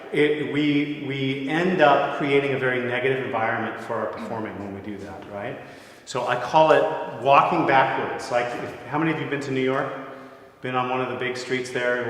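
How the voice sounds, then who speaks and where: A middle-aged man coaching singers in a masterclass, talking conversationally and checking in with "right?" as he goes. His voice sits at an ordinary pitch. It rings through a hall with a long reverb, over a faint background hiss. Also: steady tone, fairly quick, a bit bright. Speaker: voice teacher leading a masterclass. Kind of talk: masterclass teaching.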